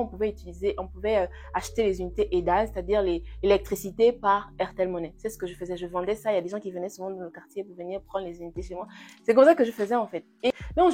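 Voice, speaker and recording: A woman's voice: mid-range voice, dark tone. A young woman from Gabon, sharing a candid personal faith testimony, hesitant and full of restarts. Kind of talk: personal testimony, casual talk.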